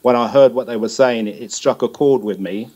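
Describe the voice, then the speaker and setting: The audio is poor. A middle-aged guest, a music promoter and manager, answers an interview question conversationally in a brisk, medium-pitched, slightly mellow voice, hesitating and repeating words as he goes.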